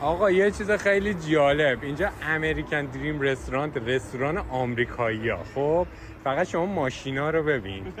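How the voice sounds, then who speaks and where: A man with a fairly high voice gives joking commentary for a casual street video. He is outdoors, with clear vehicle noise around him.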